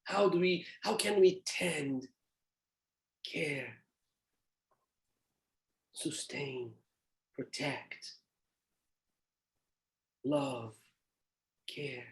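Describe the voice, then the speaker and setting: A man from Brazil with a Brazilian Portuguese accent, giving an animated, playful church lecture as a theologian. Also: fairly high pitch, drawn-out words, pauses often. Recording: echoey church hall.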